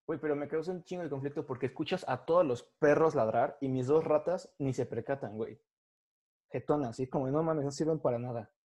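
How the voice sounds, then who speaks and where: A young man with a Mexican Spanish accent, co-hosting a casual podcast, relaxed and slangy, giving blunt opinions. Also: a little high, fairly quick. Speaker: podcast co-host.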